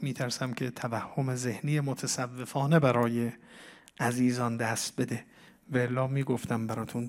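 A man lecturing on mystical poetry, reciting verses and explaining them, with words that drop to hushed whispers and then rise to loud, emphatic declaiming. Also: medium pitch.

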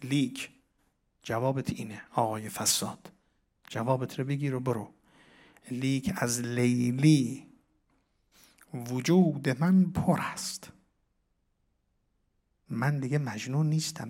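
A man lecturing on mystical poetry, reciting verses and explaining them, with words that drop to hushed whispers and then rise to loud, emphatic declaiming. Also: mid-range voice, long pauses.

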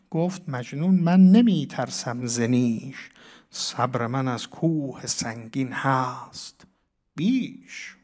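A man with a fairly high voice teaches mystical poetry, mixing plain commentary with recited verse. He lingers on key words and drops to near whispers, then surges into loud, emphatic declaiming.

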